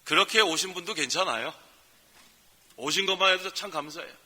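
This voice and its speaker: A male pastor preaching in an emphatic, folksy way, with sudden loud exclamations. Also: high voice, fairly quick, long reverb tail. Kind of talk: sermon. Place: prayer retreat center hall.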